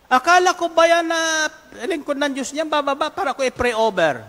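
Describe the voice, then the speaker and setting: A preacher voicing an indignant, proud army general who talks in a high, scornful, outraged way. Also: male voice, a little fast, fairly bright tone. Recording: long reverb of a large hall.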